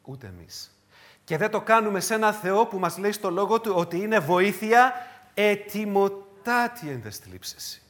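A man preaching a sermon in a high voice. His pitch leaps and dives widely as he moves from ringing cries to hushed, low phrases. He presses his points through repeated rhetorical questions. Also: very animated. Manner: repetitive, emphatic rhetorical questions.

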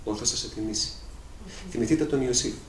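A man preaching a sermon with emphatic delivery, swinging between loud, drawn-out declamation and quiet asides. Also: medium pitch. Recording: echoey room with faint ambient noise.

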